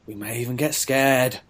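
A British man hosting a podcast, mixing scripted introduction with casual chat in a jokey, theatrical way. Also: mid-range voice. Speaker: podcast host.

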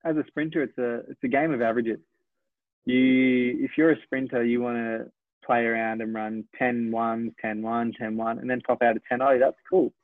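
A man in his twenties from Australia talks over his season as a sprinter, steady and reflective, often stopping to correct his own figures. His voice comes through a narrow, tinny, phone-like line with no room sound, and it sits at an ordinary middle pitch. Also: no room sound. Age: 20s. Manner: reflective, measured, self-correcting. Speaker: sprinter, interview guest. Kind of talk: casual interview talk.

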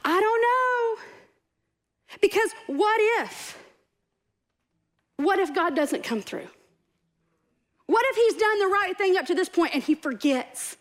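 A woman preaching a sermon, animated and humorous, acting out quoted voices. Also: very high-pitched, unhurried, pauses often.

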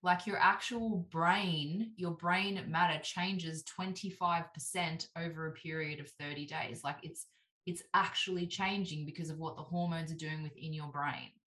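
Brief: woman, 30s, low-pitched chatty guest, lots of "like", echoey room. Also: a little slow. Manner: animated, heavy use of "like", acts out quoted voices. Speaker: podcast guest. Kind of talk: casual chat. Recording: roomy echo.

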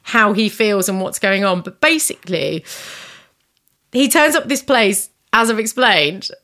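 A woman's voice: medium pitch, expressive, unhurried, pushed and bright. A young woman talking casually and enthusiastically, rambling with lots of fillers and laughs. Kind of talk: casual chat.

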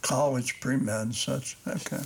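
An older man hosting a podcast interview, talking in a slow, meandering way with many fillers. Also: medium pitch, steady tone, gravelly. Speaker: podcast host. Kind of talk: casual interview. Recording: noisy background.

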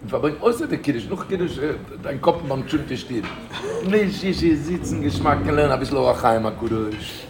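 Rabbi, male, slightly high voice, informal talk, emphatic repeats; roomy echo, heavy noise bed. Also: expressive, brisk. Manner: emphatic, repeats key phrases, rises to bursts of emphasis. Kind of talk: informal spoken talk to a group. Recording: echoey room with loud background noise.

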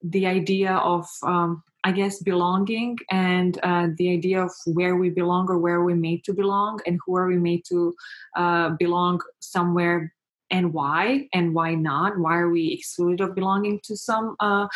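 Hesitant woman host full of fillers. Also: fairly low pitch. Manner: hesitant, many fillers, laughs easily. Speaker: podcast host. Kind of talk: casual conversation.

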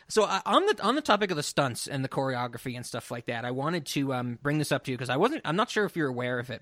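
Clean studio audio without echo carries this man's medium-pitched, slightly bright voice. Co-hosting a podcast, he rambles loosely through casual chat, frequently restarting his sentences and laughing often.

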